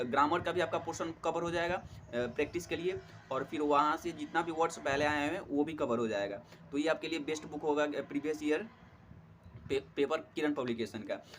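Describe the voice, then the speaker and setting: Young guy w chatting exam tips, bit high voice, lots of "um"s, slight hiss behind. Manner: friendly, repeats "theek hai doston", many fillers. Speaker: exam prep tutor. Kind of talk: casual study advice talk.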